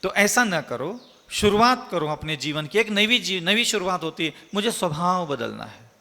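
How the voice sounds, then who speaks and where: A man's voice: sits high, big pitch swings, normal speed, pushed and bright, big-room sound. A man, a monk, giving an emphatic, repetitive sermon full of rhetorical questions. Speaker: Jain monk giving a discourse.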